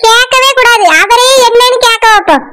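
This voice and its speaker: A scheming young village wife from a cartoon, as a voice actor plays her, with a Tirunelveli Tamil accent. Her voice is extremely high and squeaky, and bright and sharp in tone. She talks in a fretful, pleading rush. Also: steady tone, moderate pace. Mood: fretting. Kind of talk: cartoon voice acting.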